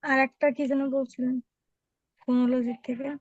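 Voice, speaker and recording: A woman's voice: high voice, flat delivery, moderate pace, slightly rough, no room sound, muffled recording. A woman student asking brief, polite questions in an online class.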